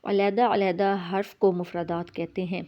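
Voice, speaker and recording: A woman teaching beginners how to pronounce letters. Her pitch sits in a middle range, and she draws each letter out slowly between plain explanations. The recording sounds slightly dull and lo-fi. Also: level tone. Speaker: Quran tajweed teacher. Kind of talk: lesson.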